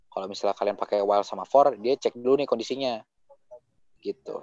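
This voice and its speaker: A man's voice: on the low side, brisk, warm tone, no room sound. A young man teaching assistant casually adding tips and inviting questions in an online coding tutorial. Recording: dry, dull lo-fi mic.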